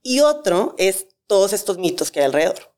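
A woman, a guest expert calmly explaining grief with examples in a talk-show conversation. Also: medium pitch, fairly quick.

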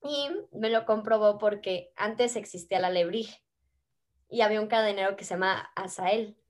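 A woman's voice: mid-range voice, normal speed. A young woman with a Mexican accent, chatting casually and telling family anecdotes, acting out the voices of people she quotes. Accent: Mexican Spanish. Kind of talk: casual chat.

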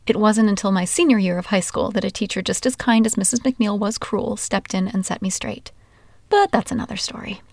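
A woman from Washington state tells her own life story with a wry, candid delivery that shifts between humor and hurt. Her pitch sits mid-range for a woman, and the recording is dry and close. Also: a little fast, gravelly, darkish tone, dry recording. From Washington, USA. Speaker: memoir narrator. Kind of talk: first-person storytelling.

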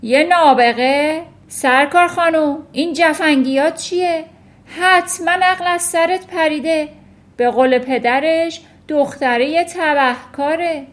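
A woman's voice: high-pitched, voice pushed up, lightly acted. A woman playing a bellowing tyrant headmistress. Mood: scornful bellowing. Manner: shouting, scornful, bellowing. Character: bullying towering headmistress, woman, furious.

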